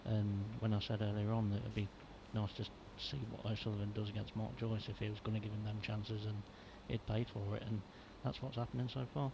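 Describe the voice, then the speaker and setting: A man's voice: fairly low pitch, flat delivery, fairly quick, vocal fry, hardly any pauses, background noise. A man giving conversational, slightly hesitant snooker analysis as a co-commentator. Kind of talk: informal live snooker analysis.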